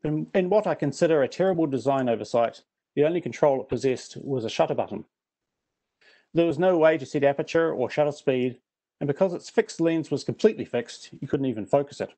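A man's voice: on the high side, animated, fairly quick, dark tone. A middle-aged man with a New Zealand accent, giving a prepared presentation with dry, self-deprecating humour.

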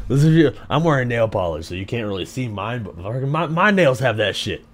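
A man's voice: mid-range voice, sing-song, a little fast. Sweary, slangy man reacting on stream. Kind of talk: casual reaction commentary.

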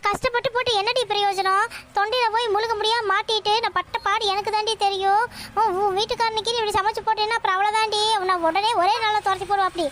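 A woman's voice: extremely high pitch, steady tone, fast, noisy background. A woman voicing a blunt, scolding older village mother-in-law in a cartoon. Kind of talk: cartoon voice acting.

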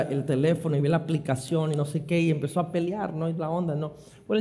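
Middle-aged pastor, higher voice with a warm, dark tone, animated storyteller. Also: male voice. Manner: animated storyteller acting out dialogue, laughing. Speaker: preacher. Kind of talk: storytelling sermon.

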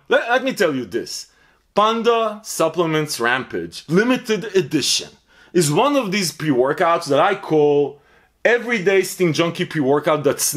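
A man's voice: fairly high pitch, a bit bright. A man reviewing a pre-workout supplement in a blunt, profane, rambling way, repeating himself for emphasis. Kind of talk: casual review vlog.

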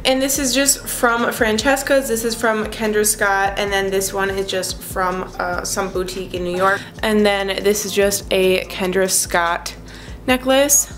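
A woman's voice: medium pitch, fairly even intonation, a little slow, a bit bright, soft background music. A young woman chatting casually to camera as a vlogger, with a bubbly, gushing sorority-girl manner. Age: young adult. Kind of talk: casual chat to camera about outfits. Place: small indoor room in a home, standing before a door. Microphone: camera mic a few steps away. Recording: echoey room, slightly distant mic.

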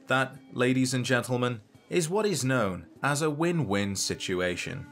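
A man narrating a scripted game video essay in a measured, dry and wry way. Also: medium pitch, animated, a bit bright, soft background music.

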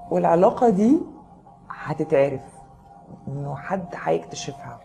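Egyptian woman doing a casual live tarot reading, low and mellow, faint noise behind. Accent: Egyptian Arabic. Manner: chatty, greets viewers by name. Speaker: tarot reader.

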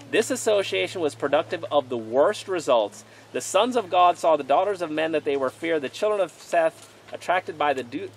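Here a pastor in his forties, with a fairly high-pitched voice, conducts a Bible study and sermon outdoors under a tent canopy. He reads scripture aloud, then shifts into conversational preaching, recorded from a distance on camera with slight background noise.

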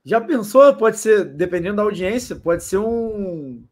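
A young man co-hosting a football live stream, excitable and joking, laughing and swearing often. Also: sits high, a little slow. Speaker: co-host of a football channel. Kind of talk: casual live-stream chat.

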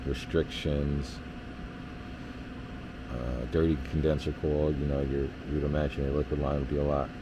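Deep-voiced man explaining HVAC readings. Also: normal speed, long pauses, noisy background. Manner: relaxed, explanatory, many fillers. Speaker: HVAC technician. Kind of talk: hands-on technical demonstration. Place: indoor basement furnace area.

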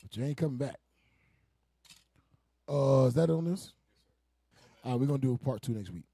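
A man's voice: mid-range voice, animated, moderate pace, creaky, dark tone, slightly rough, no echo. A man leading a casual group teaching session, joking and laughing often with the people around him. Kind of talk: casual preaching, joking banter.

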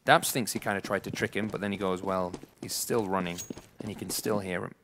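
A man giving lively play-by-play commentary on a competitive shooter match, joking with his co-caster. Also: low voice, a little fast. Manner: lively, jokey banter with co-caster. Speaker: esports commentator. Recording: noisy with game gunfire behind. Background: game gunfire.

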